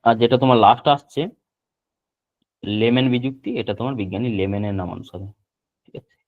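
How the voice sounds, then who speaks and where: Male teacher over a tinny line. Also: lowish voice. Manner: repeats terms slowly for note-taking. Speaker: geography teacher. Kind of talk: online class lecture.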